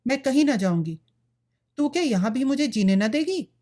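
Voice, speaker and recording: A woman's voice: on the high side, expressive, a little slow, a little mellow. A woman voicing a young village woman who is defiant and desperate, pleading in a storybook reading. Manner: pleading, rebellious.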